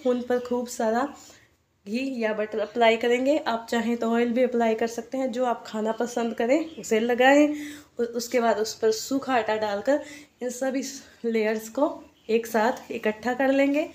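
Higher-pitched woman explaining a recipe. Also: darkish tone. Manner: step-by-step instructive, friendly. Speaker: cooking channel host. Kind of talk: recipe voice-over narration.

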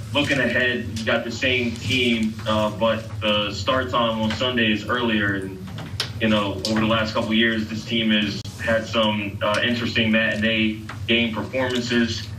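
Beat reporter, heard from afar, room echo and noise. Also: male voice, fairly low pitch, little pitch movement, normal speed. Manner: long detailed questions. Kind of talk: press conference question. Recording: roomy and distant, noisy.

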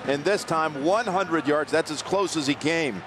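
A man's voice: a little high, measured pace. A man giving emphatic live commentary on a football broadcast. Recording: broadcast with clear stadium noise. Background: stadium noise.

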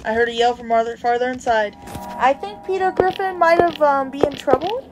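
A woman streaming a game live, reading the on-screen text aloud and reacting with excitement. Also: high voice, brisk, over music. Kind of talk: live gameplay commentary. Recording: loud insect and cricket noise behind.

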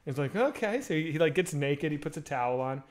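A podcast host in his thirties talks fast in a slightly high voice. He's on a headset mic at home in a room with bookshelves, hosting a casual video-call chat and telling crude stories with lots of energy.

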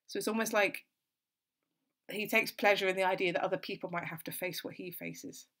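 A woman tutoring a literature lesson for exam revision talks a little fast, her voice medium in pitch. She is steady and thoughtful, with frequent use of "so" and "kind of".

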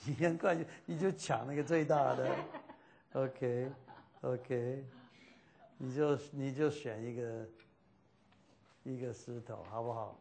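Slow-speaking man teaching a class. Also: medium pitch, gravelly, a little mellow. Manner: loose, repetitive, mixing in English fillers.

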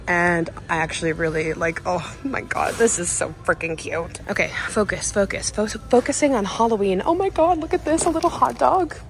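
Inside a big retail store, a young woman vlogger with a lower voice gushes to her viewers during a casual shop-with-me video. The phone in her outstretched hand catches plenty of in-store ambience, and the recording quality is low.

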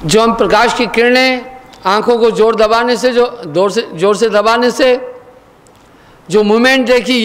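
High-voiced man preaching in a reverberant hall. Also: fairly bright tone. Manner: sings verses in slow chant; earnest, questioning, explanatory. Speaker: spiritual teacher. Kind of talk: spiritual discourse.

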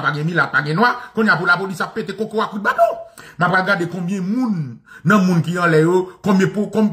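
Animated, mocking Haitian man, high bright voice. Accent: Haitian Creole. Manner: animated and mocking, repeats phrases, often laughing. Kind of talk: political commentary monologue.

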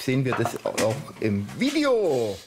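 A man's voice: medium pitch, wildly swooping pitch, unhurried, background noise. A man hosting a casual grilling vlog outdoors, chatty and playful as he presents a dessert to friends. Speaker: grill channel host. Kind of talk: casual cooking vlog chat.

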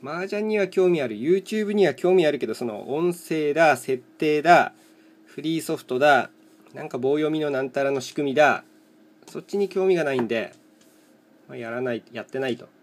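A man with a voice a little higher than most men's talks casually, like a host chatting over a solo game. He thinks aloud in short fragments and keeps a plain, matter-of-fact way of speaking. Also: animated, moderate pace. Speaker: host of a solo mahjong chat video and live streamer. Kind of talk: casual rambling commentary while playing tiles.

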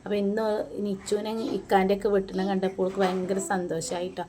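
Speaking fast in a mid-range voice with little pitch movement, a mother from Malappuram, Kerala, narrates her family vlog in a Malabar Malayalam accent. Her chatty voice-over, full of warm tag words at line ends, is recorded in a separate room at home from the filmed scenes. It's a noisy home recording with kids in the background.

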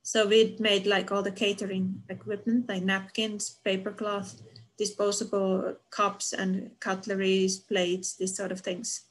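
A middle-aged Finnish university professor reads chat comments aloud and answers them during an online lecture call, using many fillers. Her mid-range voice keeps a level tone at a measured pace, and the recording is rough.

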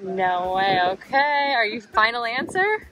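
A woman's voice: fairly high pitch, very animated, unhurried, noisy background. A woman hosting a family vlog, casually asking relatives for their guesses in chatty style. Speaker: vlog host, expectant mother.

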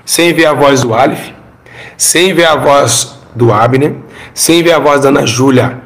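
In an unhurried, mid-range voice with a bit of brightness, a middle-aged Brazilian who used to be a pastor offers an emotional testimony. He dramatizes events, restates phrases and has the audience repeat them.

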